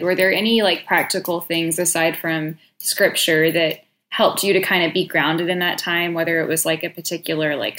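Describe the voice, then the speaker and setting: A woman host asking questions in a relaxed, casual way with "like" and "kind of". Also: fairly low pitch. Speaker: interview host. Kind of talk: conversational interview questions.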